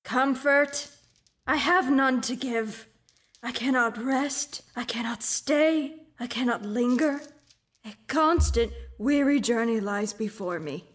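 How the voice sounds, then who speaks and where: For a student radio drama, an actor puts on a full character voice as the mournful, chain-bound ghost of an old businessman. The voice is very high-pitched, slow and fairly bright in tone, solemn throughout and dropping into breathy whispers.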